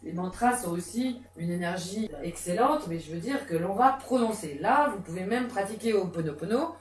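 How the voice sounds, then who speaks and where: A woman psychotherapist giving a lively, conversational talk with many fillers and restarts. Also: mid-range voice, normal speed, crowd noise. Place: conference room. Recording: echoey room, mic far off.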